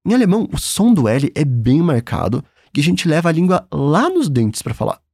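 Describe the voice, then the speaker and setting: A man's voice: a little high, wildly swooping pitch, moderate pace, creaky, darkish tone, husky, dry recording, studio quality. A man with a Brazilian accent teaching a German lesson in a patient, encouraging, upbeat way. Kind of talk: language lesson.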